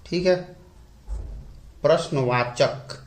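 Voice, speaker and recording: A man teaching English grammar in a lesson, repeating key words slowly and drawing them out. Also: fairly high pitch. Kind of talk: explaining at a whiteboard. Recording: echoey room.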